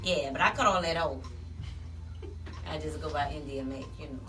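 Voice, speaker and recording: A woman, co-hosting a radio show in animated, slangy banter. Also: low-pitched, normal speed, recorded from a distance, music in the background. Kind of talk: casual banter.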